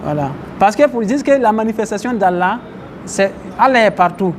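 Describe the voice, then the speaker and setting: An Islamic teacher with a high voice and lively intonation leads a religious class at normal speed, explaining Arabic terms and questioning his listeners. The mosque recording carries faint outdoor traffic and a little hiss or hum.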